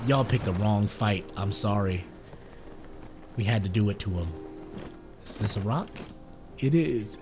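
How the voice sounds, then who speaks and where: A man streaming a video game, chatting casually and joking about himself, swearing freely as he plays. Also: on the low side. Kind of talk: casual let's-play commentary. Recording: game music playing behind.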